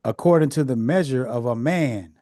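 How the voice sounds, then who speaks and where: A man's voice: mid-range voice, normal speed, warm tone. A man reading Bible verses aloud in a study group, with playful asides between passages. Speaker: scripture reader.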